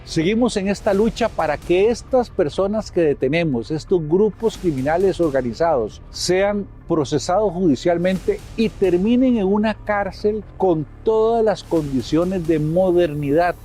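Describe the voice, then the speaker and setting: A man's voice: sits high, measured pace, hardly any pauses, dark tone, soft background music. A man with a Costa Rican accent making a formal statement as a public official.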